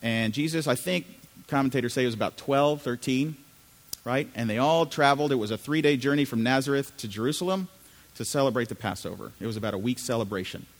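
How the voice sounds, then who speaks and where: A middle-aged man from Chile preaching a conversational sermon to a congregation in a church, asking them questions. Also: mid-range voice. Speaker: pastor. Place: church sanctuary. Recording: reverberant hall.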